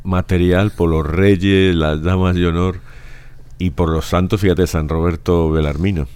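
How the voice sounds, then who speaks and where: Very deep-voiced reflective man. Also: steady tone, unhurried, a little mellow, clean tone. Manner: reflective, often interjects with short remarks. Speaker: participant in a religious discussion. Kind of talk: casual devotional discussion.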